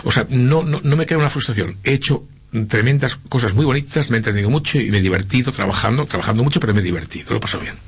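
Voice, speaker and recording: This middle-aged Spanish man, a local politician, speaks with a slight Argentine lilt and answers interview questions earnestly, hesitating and repeating himself often. His voice is medium-pitched, husky, and racing.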